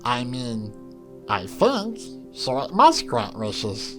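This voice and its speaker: A man voicing a timid, childlike little straw creature in a storybook reading, speaking in a small raspy whisper with halting words. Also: mid-range voice, wildly swooping pitch, music in the background, voice pushed down. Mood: shy. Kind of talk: storybook narration.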